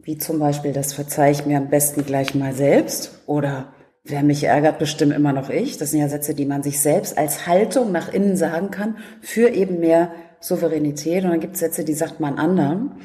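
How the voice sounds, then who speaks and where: A woman author and coach telling lively anecdotes in casual talk, acting out quotes with laughs. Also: deep voice, normal speed. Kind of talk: casual storytelling in a talk show. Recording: roomy echo.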